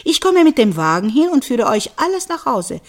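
Storybook role: sly traveling peddler, friendly and smooth, read by a woman. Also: high voice, big pitch swings, normal speed, pitched above the performer's own voice.

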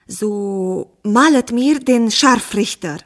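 A woman voicing a desperate, henpecked male farmer who whines and pleads loudly. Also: medium pitch, slow. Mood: pleading. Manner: whining, pleading, raised voice.

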